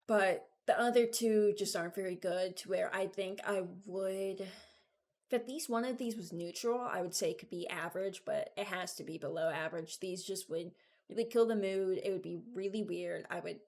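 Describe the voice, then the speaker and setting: A video creator, a young adult woman, ranks things while thinking out loud, offering candid, informal commentary that tends to ramble. Her mid-range voice has a darkish tone and moves at a moderate pace.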